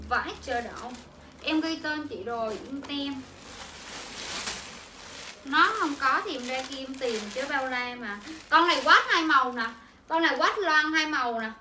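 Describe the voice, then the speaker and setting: A young woman selling clothes on a livestream chatters away with repetitive sales patter, her voice high, bright and forceful. She talks at a moderate pace with frequent pauses, in an echoey room with faint ambient noise.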